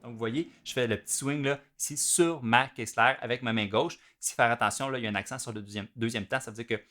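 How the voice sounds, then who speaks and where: Québécois guy teaching drums, counts beats out loud, explains step by step. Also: mid-range voice, fast, faint music behind. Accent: Québécois French. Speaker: drum teacher. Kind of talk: instructional video explanation.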